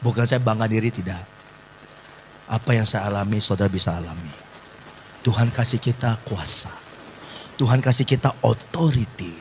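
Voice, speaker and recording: A pastor delivers a sermon at a church service in a fairly low voice at a moderate pace, pausing often. He shifts from quiet asides to shouted climaxes, works in English phrases, and repeatedly asks the congregation to agree. There's a little hiss or hum on the recording.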